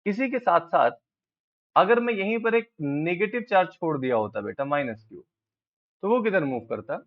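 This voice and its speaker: A man with an Indian accent teaching physics, explaining step by step and asking his students quick check questions. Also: a little high, big pitch swings, narrow, tinny audio. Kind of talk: classroom lecture, Hindi-English mix.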